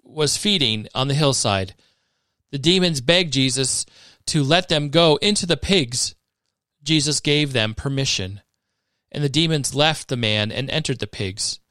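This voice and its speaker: A man giving a measured, expressive scripted reading of scripture for a podcast. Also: medium pitch, no room sound, clean studio sound. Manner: measured, expressive reading that rises for dramatic moments. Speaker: scripture reader.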